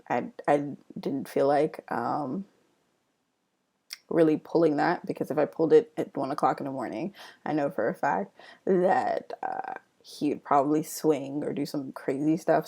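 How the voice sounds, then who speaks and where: Gravelly-voiced young woman telling a story. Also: sits low. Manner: animated, acts out quotes with laughs. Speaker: vlogger. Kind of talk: casual storytelling.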